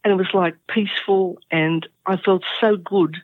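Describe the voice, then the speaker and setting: A woman's voice: fairly low pitch, steady tone, no echo. Earnest woman on a tinny phone line. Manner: earnest, halting, many fillers. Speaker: interview guest. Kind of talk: telling a personal story.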